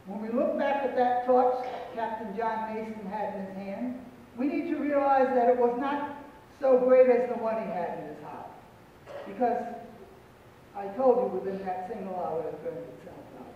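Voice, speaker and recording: A man's voice: high-pitched, a little hiss or hum. Solemn older man in an echoing hall. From Pequot territory, New England. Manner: solemn, deliberate, repeats phrases for emphasis. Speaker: panel speaker. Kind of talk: prepared speech at a panel. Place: auditorium stage, large indoor hall. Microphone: far room mic. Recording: echoey hall from far off, dull.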